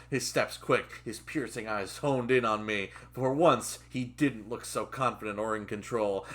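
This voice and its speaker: A man reads a story aloud with a bright, forceful voice, breaking off to mock the writing with sarcastic jokes and curses. His delivery is casual and irreverent, in a comedic reading. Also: mid-range voice. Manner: sarcastic, interrupts the text with jokes and swearing. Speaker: reader and commentator.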